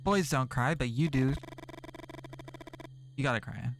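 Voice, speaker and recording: A man's voice: mid-range voice, unhurried, rough recording. A man streaming a narrative game, reading its text aloud and breaking off for sarcastic, profane asides.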